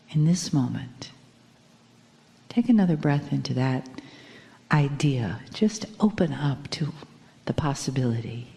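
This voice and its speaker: Soft, low, soothing woman guiding meditation, reverberant. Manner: soft, soothing, breathy spa-like delivery. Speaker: guided meditation leader. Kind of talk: guided meditation. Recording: long hall reverb.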